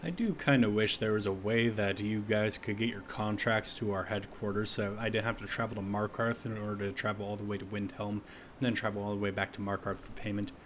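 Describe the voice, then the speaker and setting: A man's voice: on the low side, steady tone, brisk, fairly bright tone, a little hiss or hum. A man hosting a let's play with casual, rambling, self-deprecating commentary. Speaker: gaming let's play host. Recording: faint game ambience behind voice.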